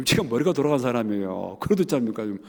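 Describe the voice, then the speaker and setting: A man's voice: medium pitch, sing-song, quick pace, gravelly, a little mellow. A middle-aged male pastor with a Jeolla accent, preaching a sermon in a folksy, joking way, full of emphatic rhetorical questions. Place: church sanctuary. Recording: long church hall reverb.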